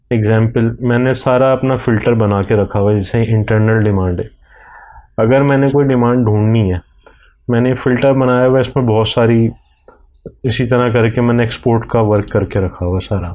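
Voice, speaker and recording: A man with a Pakistani accent guides a software screen recording, explaining each click in a slow, step-by-step way. His voice sits at an ordinary pitch with a dark, mellow tone. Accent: Urdu-Hindi speaking, Pakistani. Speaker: software tutorial presenter.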